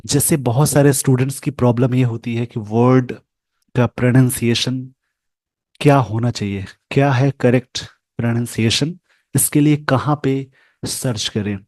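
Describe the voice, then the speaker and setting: A man teaching English pronunciation over a screen share, speaking slowly and carefully and repeating sounds for his learners. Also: medium pitch, steady tone, darkish tone, no room sound.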